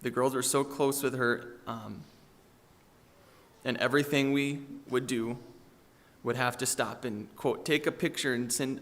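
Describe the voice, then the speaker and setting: A man giving a eulogy for his sister, telling fond stories with hesitant fillers and soft laughs. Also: medium pitch, long reverb tail. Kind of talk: memorial eulogy. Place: church sanctuary.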